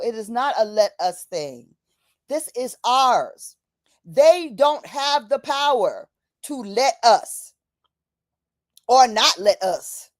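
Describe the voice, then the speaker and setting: A woman hosting her own livestream in a slow, deliberate way, her voice sitting a little high. She talks casually, with plenty of fillers, and hammers her points home by repeating phrases with rising fervor. The sound is dry and close. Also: dry recording. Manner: fervent, repeats phrases for emphasis; casual, many fillers, says "y'all". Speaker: livestream host. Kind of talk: impassioned livestream talk.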